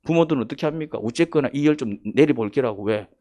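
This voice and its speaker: 경상도 사투리로 설교하는 남성 목사로, 조용하게 말하다가도 크게 힘주어 외치며 강조합니다. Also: male voice, medium pitch, lively intonation, fast. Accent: Gyeongsang Korean. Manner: dialect-heavy, emphatic, swings from quiet to loud. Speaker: pastor. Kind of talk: sermon.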